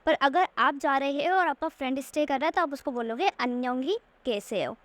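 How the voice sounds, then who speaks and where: A woman teaching Korean in a slide-based lesson, patiently repeating words slowly to show their pronunciation. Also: high voice, a bit bright, dry recording. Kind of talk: screen-share lesson explaining slides.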